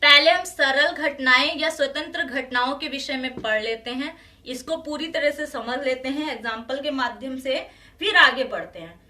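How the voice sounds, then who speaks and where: A woman maths teacher giving a classroom lecture, slowly repeating each phrase and often telling students to pay attention. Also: sits high, sharp tone, far from the mic. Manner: slow and repetitive, says each phrase twice.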